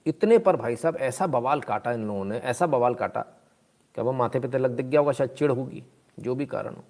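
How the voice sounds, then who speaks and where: A man's voice: mid-range voice, brisk, a little mellow. A man hosting a live stream in casual commentary, exclaiming, asking rhetorical questions and reading out viewer comments.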